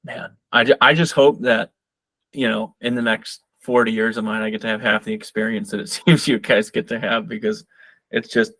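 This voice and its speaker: A man's voice: fairly low pitch, flat delivery, moderate pace, no room sound. Young guy host, easygoing, agrees a lot, dry close mic sound. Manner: agreeable, laughs softly. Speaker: podcast host. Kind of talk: casual podcast chat.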